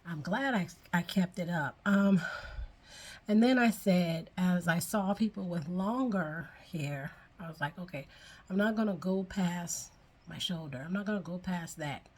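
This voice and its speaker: A woman's voice: lowish voice, measured pace, husky. Chatty older woman vlogging to camera. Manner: chatty and earnest, retells her own past thoughts aloud. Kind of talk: casual talking-to-camera vlog.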